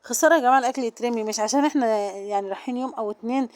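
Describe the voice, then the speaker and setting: A woman with an Egyptian Arabic accent and a soft, low-volume voice, chatting directly to viewers in a casual vlog. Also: racing. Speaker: vlogger.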